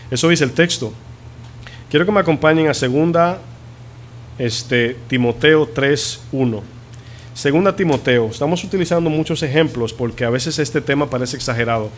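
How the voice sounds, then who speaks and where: A man who is a pastor preaching a sermon in a church, asking the congregation questions and drawing out key words slowly for emphasis. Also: mid-range voice, slight background noise. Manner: teaching, asks the congregation questions.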